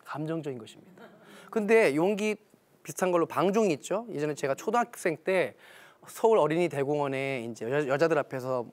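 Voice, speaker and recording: A man's voice: fairly high pitch, lively intonation, brisk. A man giving a televised lecture on parenting, telling stories animatedly and acting out quoted dialogue.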